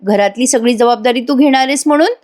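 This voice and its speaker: A woman voicing a patient, sensible young woman who gives gentle, firm instructions. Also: a little high, quick pace, close to an everyday voice.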